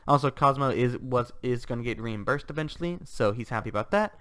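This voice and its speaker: A young man hosting a casual book review vlog, gushing and animated. His voice is pitched mid-range for a man and swings widely from high to low. He sounds fully absorbed in his subject. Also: brisk, clean tone.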